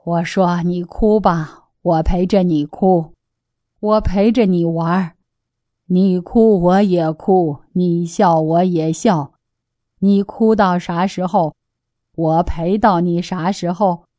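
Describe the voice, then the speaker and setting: A woman reading as a calm elderly Buddhist laywoman. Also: on the low side, no room sound, clean studio sound. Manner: slow, plain, homely retelling. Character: elderly female lay Buddhist, calm, facing death.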